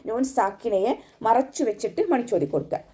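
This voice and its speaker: A woman teaching Quran recitation step by step, chanting the verses in a high melodic tone between patient explanations. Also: expressive, brisk, warm tone. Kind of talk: tajweed lesson, recitation and explanation.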